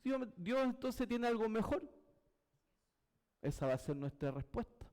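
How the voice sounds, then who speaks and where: A man with a Chilean accent preaching a sermon as pastor, fervent, swinging from loud exclamations to hushed whispers. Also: very high voice, very animated, a little slow. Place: church hall. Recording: long reverb of a church hall.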